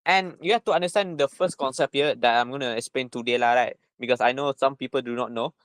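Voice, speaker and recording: Male tutor, Malaysian accent, mid-pitched voice, informal lesson style, repetitive phrasing with frequent tag questions, dry sound. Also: fast talker, no echo. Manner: repetitive, punctuating with "right?" and "lah". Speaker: chemistry tutor.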